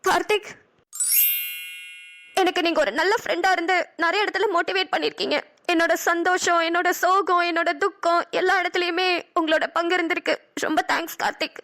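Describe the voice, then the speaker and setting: A woman's voice: fairly even intonation, a little fast, full character voice. A woman voicing a heartbroken young woman in a cartoon drama, speaking in a pleading, sobbing way. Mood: grateful. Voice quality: high bright girlish voice. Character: heartbroken young woman Kanmani, tearful and hurt.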